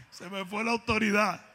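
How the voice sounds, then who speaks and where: A man preaching a sermon, animated storytelling that rises to shouting. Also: medium pitch, normal speed. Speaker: pastor. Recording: long hall reverb.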